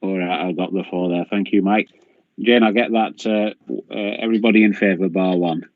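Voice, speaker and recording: A man's voice: low voice, fairly even intonation, moderate pace, no room sound. A man chairing a council committee over a video call, firm and businesslike as he calls names and runs the vote. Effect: heard over a video call. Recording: dull muffled video-call audio.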